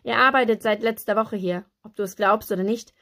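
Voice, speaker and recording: A woman voicing a cheerful, teasing young male fashion designer in a lively, brisk, raised voice. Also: medium pitch.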